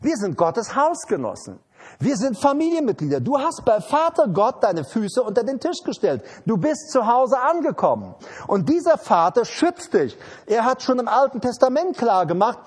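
A man delivers a sermon with a high, husky voice. His preaching is animated, rising to loud exclamations and dropping to quiet asides. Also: moderate pace.

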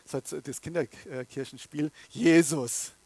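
A man preaches with an animated delivery and acts out little inner voices as he goes. His voice sits a bit high for a man and has a husky edge. He moves between quiet, low passages and loud outbursts, recorded dry and close with no room sound. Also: slow pace, no echo. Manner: swings between soft and loud. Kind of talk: sermon.

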